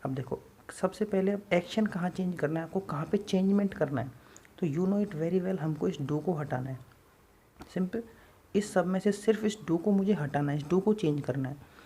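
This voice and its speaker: Indian man teaching English, mellow voice. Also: sits high, normal speed, breathy edge. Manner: repetitive, drilling examples, mixing Hindi and English. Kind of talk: classroom grammar lesson.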